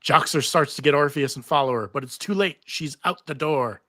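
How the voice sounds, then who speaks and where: At a live convention panel, a man with a slightly high voice reads TV script stage directions aloud for a table read, brisk, pushed and bright, delivered theatrically with wry asides. He's the table read narrator and panel host, and the studio-quality audio carries no room sound.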